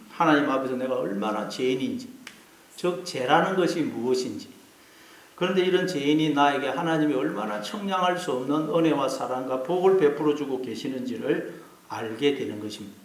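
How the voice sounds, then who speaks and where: A man's voice: mid-range voice, animated, fairly quick, roomy sound, rough recording. A male pastor preaching an earnest sermon, repeating key phrases for emphasis. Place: church.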